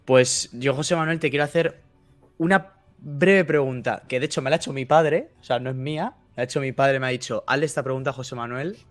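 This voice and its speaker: A man, co-hosting an interview and asking a guest a question in a relaxed, agreeable way. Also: mid-range voice, brisk. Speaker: co-host. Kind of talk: casual interview chat.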